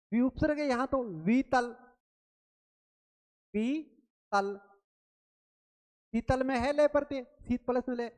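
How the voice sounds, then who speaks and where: A woman teaching a grammar quiz lesson, asking questions and answering them herself, repeating key words slowly. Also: sits high, a little mellow. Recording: long reverb, roomy sound.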